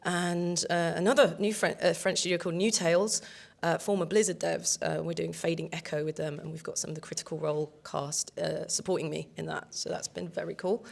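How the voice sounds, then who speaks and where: Woman actor, low gravelly voice, wry and self-mocking on a panel. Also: fairly even intonation, fairly quick. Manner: wry, self-deprecating, laughs often. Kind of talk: conference panel talk. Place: conference stage.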